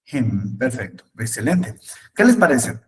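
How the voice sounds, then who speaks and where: A man's voice: mid-range voice, expressive, moderate pace, a little mellow, far from the mic, rough recording. A man teaching an English class in Spanish, patiently repeating words and checking understanding. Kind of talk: online class, explaining in Spanish.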